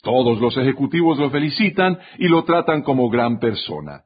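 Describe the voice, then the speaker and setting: Husky-voiced male radio commentator, lively. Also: medium pitch, normal speed. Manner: storytelling with acted quotes. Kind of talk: scripted radio reflection. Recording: dull lo-fi radio sound.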